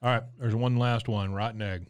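A man's voice: fairly low pitch, fairly even intonation, brisk, smooth. A man co-hosting a casual chat while taste-testing candy, making wry, joking asides. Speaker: podcast co-host.

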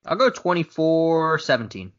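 A man co-hosting a sports podcast gives short, laid-back answers and throws out trade ideas. His voice is a little high for a man. The audio is dull and lo-fi. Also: very animated, moderate pace, fairly bright tone. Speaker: podcast co-host. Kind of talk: casual sports chat.

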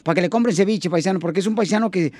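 A man's voice: sits high, very fast, a little mellow, no echo. A man hosting a morning radio show, joking and affectionate with callers. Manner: joking, affectionate, calls people campeón and mija. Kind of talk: playful morning radio banter.

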